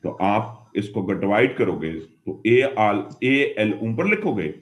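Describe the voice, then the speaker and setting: His fairly low voice is sing-song and slow. Teaching English grammar to his class, he patiently goes over points again and again, switching between Hindi and English within sentences.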